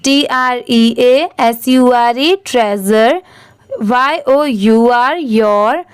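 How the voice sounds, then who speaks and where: Woman, reading teacher; high, smooth, very slow, spells each word letter by letter. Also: no room sound, clean studio sound. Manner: spells words letter by letter in Hindi, then says them slowly. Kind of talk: spelling out and reading English words slowly for learners.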